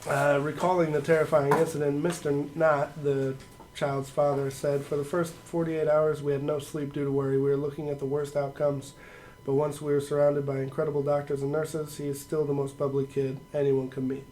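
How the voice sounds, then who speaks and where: A man's voice: a little high, level tone, moderate pace, a little mellow, a little hiss or hum. Laid-back, cursing podcast co-host man. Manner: laid-back, swears casually. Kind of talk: casual podcast chat.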